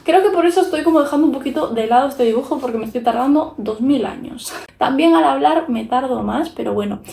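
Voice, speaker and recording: A woman's voice: sits high, expressive, fast, gravelly, warm tone, reverberant. A young woman with a Spanish accent from Spain chatting frankly in a casual podcast style as a YouTuber, giving her opinions while she draws.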